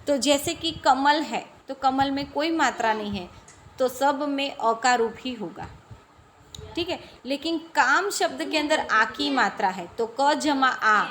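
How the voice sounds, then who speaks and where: A woman teacher talks through a lesson at an unhurried, deliberate pace. Her voice sits a little high, and she spells words out letter by letter. She asks questions and then answers them herself. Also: animated, a bit bright, slight background noise. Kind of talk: classroom lesson explanation.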